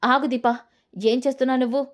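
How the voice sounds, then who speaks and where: A woman's voice: high-pitched, flat delivery, fast, natural voice. A woman voicing a stern middle-aged mother who indignantly defends her daughter. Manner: scolding, indignant.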